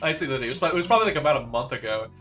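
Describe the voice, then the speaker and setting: A man's voice: medium pitch, lively intonation, racing, a bit bright, soft background music. A young man chatting casually on a gaming stream, rambling and teasing his friend, full of fillers and restarts.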